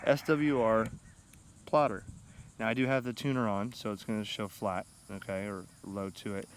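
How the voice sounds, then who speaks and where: A middle-aged American ham radio enthusiast uses a lowish, steady voice at normal speed as he chats informally and excitedly about his equipment in an unscripted vlog. He films outside on grass next to a pond under shade trees, and the camera audio clearly captures the surroundings.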